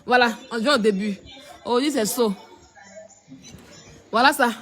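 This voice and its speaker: A woman's voice: a little high, a little slow, fairly bright tone, faint music behind. A woman giving mocking, repetitive live-stream commentary, often laughing as she talks. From Ivory Coast. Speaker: social media commentator.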